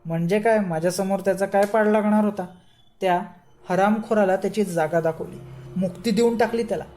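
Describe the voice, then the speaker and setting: A woman's voice: medium pitch, a little fast, warm tone, lightly acted. A woman voicing an arrogant impostor holy man who is really a demon, boastful and commanding.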